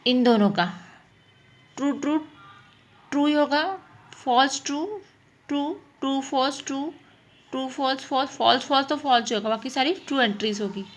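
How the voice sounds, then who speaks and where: A woman with a high voice teaches mathematics at a normal speed, pausing often. Working through problems step by step in an informal spoken lesson, she frequently poses questions and answers them herself.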